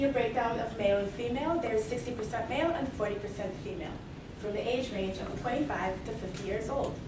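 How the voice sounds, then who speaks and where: A young adult student presenter from Mexico and Belize gives a rehearsed case presentation, pitching formally and with measured pacing while repeating "moving right along." She is recorded from afar in a large echoey hall, with noise in the background.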